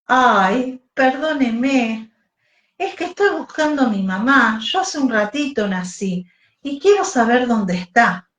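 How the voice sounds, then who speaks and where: A woman voicing a newborn baby bird that is searching for its mother, in a high, childlike, eager voice. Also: expressive, slow pace, a bit bright. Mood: apologetic. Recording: echoey room.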